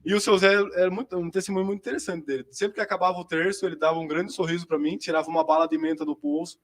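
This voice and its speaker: Young Brazilian guy, high and fast, relaxed slangy storyteller. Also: vocal fry. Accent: Brazilian Portuguese. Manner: chatty and slangy, lots of fillers. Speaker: seminarian giving a vocation testimony. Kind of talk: casual personal storytelling.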